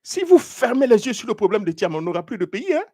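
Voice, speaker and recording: Male show host, high and lively, indignant live commentator. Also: fast, breathy edge. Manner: animated, indignant, searching online while talking.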